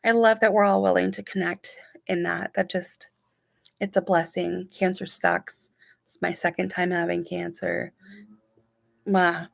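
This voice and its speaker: A woman reading viewer comments aloud on a casual live stream from her room at home, answering each one warmly and softly. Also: on the low side, level tone, normal speed, gravelly, no echo, clean studio sound. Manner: warm, chatty, reads comments aloud and responds softly. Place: home room with curtains and sunlight.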